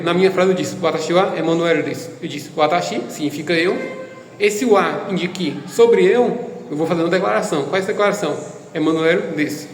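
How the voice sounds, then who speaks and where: A man's voice: sits high, roomy sound, big-room sound, slight background noise, poor audio. A man giving a casual video lesson on Japanese, explaining step by step with hesitant fillers. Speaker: Japanese language teacher.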